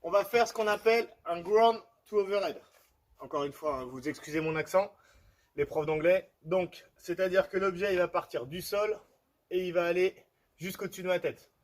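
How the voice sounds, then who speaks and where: A man's voice: sits high, a little hiss or hum, rough recording. A man, a fitness coach, explaining and demonstrating home workout exercises, often checking in with his listeners. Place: outdoor terrace at home.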